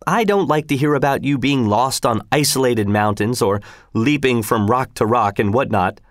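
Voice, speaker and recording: In an audiobook reading, a man with a medium-pitched, everyday-sounding voice plays a worried wife and mother. At a moderate pace and in a raised voice, she scolds, nags, and frets insistently. The sound is clean studio audio with no room sound.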